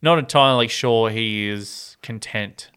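A man's voice: on the low side, unhurried, fairly bright tone, clear, resonant tone. A man with an Australian accent hosting a casual rugby league show in a matey, colloquial way. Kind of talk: casual sports chat.

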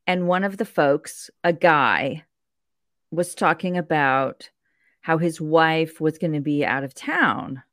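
A woman co-hosting a podcast, telling stories in a playful, animated casual chat. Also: deep voice, slow pace, no room sound, studio quality. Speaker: podcast co-host.

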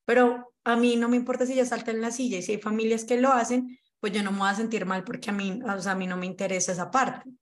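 A woman's voice: on the high side, fairly even intonation, fast, hardly any pauses. A woman, a guest in an interview, explaining her views on parenting in an earnest, conversational way. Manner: earnest, explanatory, acts out parents' quoted lines.

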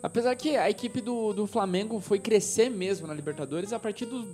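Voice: mid-range voice, fairly quick, mellow, soft background music. A host leading a casual football debate and putting questions to the panelists.

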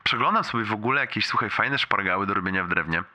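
A man's voice: lowish voice, expressive, fast, bright, forceful tone, a little hiss or hum. A young man leaving a casual, rambling, sweary voicemail for a friend, amused and wincing in pain as he talks. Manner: rambling, colloquial, heavily sweary storytelling.

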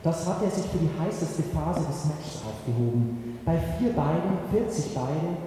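Male audiobook narrator, wry storytelling, dark mellow voice, roomy hall echo, faint hiss. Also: on the high side, expressive, normal speed. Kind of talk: first-person audiobook narration.

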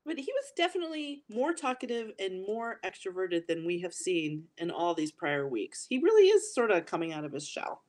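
A woman's voice: mid-range voice, big pitch swings, normal speed, few pauses, darkish tone. A woman co-hosting a podcast, agreeing and laughing often in casual recap chat. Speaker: podcast co-host.

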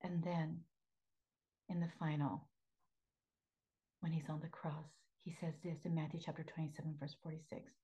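A woman hosting a faith podcast as a spiritual coach, talking earnestly, repeating phrases for emphasis and often sinking into a soft half-whisper. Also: sits low, flat delivery, normal speed, pauses often, slightly rough, low-quality recording.

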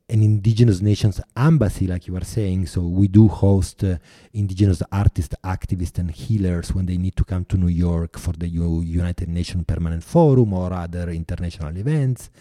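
An Italian-accented man with a very low, deeply mellow voice answers interview questions earnestly and haltingly, stopping often to restart. The sound is close and dry. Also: no echo. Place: New York.

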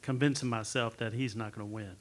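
A man in the congregation sharing earnestly and reflectively, pausing often as he speaks. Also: medium pitch, steady tone. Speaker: church member. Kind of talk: personal sharing in group discussion.

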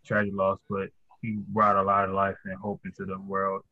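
A man's voice: low voice, monotone, normal speed, no echo, phone-quality sound. A man hosting a podcast, chatting casually in laid-back slang. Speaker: podcast host. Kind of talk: casual chat.

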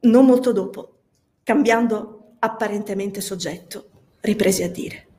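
A woman narrating a classic novel as an audiobook, slow and measured. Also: mid-range voice, mellow. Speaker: audiobook reader. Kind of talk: scripted literary narration.

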